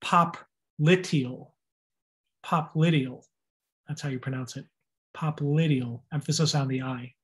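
A man delivers a recorded anatomy lecture alongside his slides, spelling and repeating every term with emphasis on how to say it. His teaching voice is plain and even, mid-range and fairly quick.

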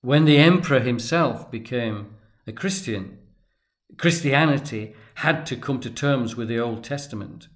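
A man lecturing at length off the cuff, speaking deliberately and pausing often, with restarts as he stresses key words. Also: medium pitch. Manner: deliberate, halting, with restarts and emphatic pauses. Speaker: tarot and religion commentator. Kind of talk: unscripted lecture.

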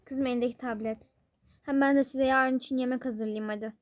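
A woman's voice: high-pitched, steady tone, brisk, close to an everyday voice. A woman voicing a fussy, nagging mother in a toy-game role-play, grumbling with sighs. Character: fussy scolding mother of a family.

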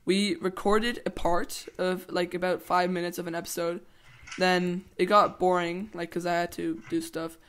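A man's voice: high voice, little pitch movement, normal speed, hardly any pauses, a bit bright, clean tone. Rambling teen boy narrating gameplay. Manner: rambling, playful, goofy jokes. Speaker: let's play host. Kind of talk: casual gameplay commentary.

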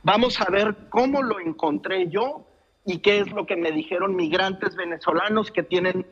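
A man's voice: sits high, normal speed, fairly bright tone, slightly rough. A middle-aged man reporting by phone from the roadside, telling his story with hesitant restarts. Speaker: field reporter. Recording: muffled phone line.

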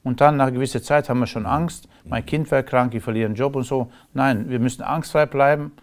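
A man's voice: medium pitch, steady tone, fast talker. A middle-aged man from Romania with a Romanian accent, a guest in a casual interview, talking in long emphatic runs and laughing between remarks.

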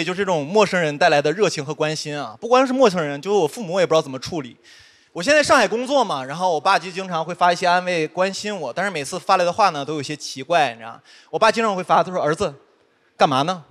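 Fast, high-voiced young man doing stand-up. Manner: quick, lively, self-mocking storytelling with frequent asides to the audience. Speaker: stand-up comedian. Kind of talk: stand-up set on a competition stage. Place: studio stage before a live audience. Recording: live stage mic with audience laughter. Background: audience laughter.

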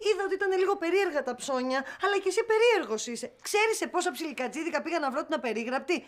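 An actress playing a scatterbrained, chatty nanny in a sitcom, talking in a theatrical, rambling way. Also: female voice, high-pitched, lively intonation. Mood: lively. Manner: theatrical, rambling, mock-dramatic. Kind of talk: sitcom acting.

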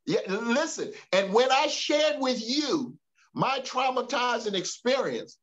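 A man with a high-pitched voice teaches a Bible study in a preacherly way, often restarting and repeating words and calling out to the room. The recording is dull and lo-fi. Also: very animated, takes it slowly, fairly bright tone. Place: church.

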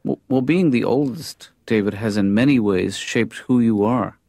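A man voicing a mild-mannered, hesitant therapist in an animated sitcom. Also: mid-range voice, normal speed, no echo, natural voice. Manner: soft-spoken, mild, hesitant.

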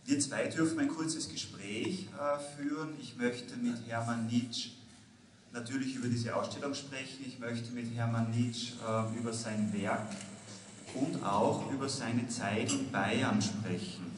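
A polite middle-aged man moderates an on-stage talk, pausing on fillers as he goes. His voice is even and mid-pitched. It echoes through a large hall over a faint murmur of ambient noise. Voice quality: polite, formal, with frequent filler pauses. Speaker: museum director and curator, moderator. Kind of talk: formal welcome and interview moderation. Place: large exhibition hall, indoors. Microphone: handheld mic.

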